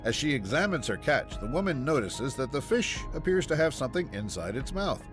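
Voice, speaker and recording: A man's voice: mid-range voice, sing-song, brisk. A man reading dramatic scripted narration in the style of a nature documentary, as the narrator. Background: background music.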